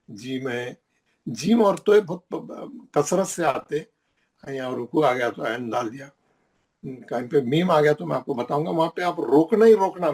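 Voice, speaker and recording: A man's voice: on the high side, a little mellow. A man teaching a recitation class, explaining rules with emphatic repetition and pointing things out on the page.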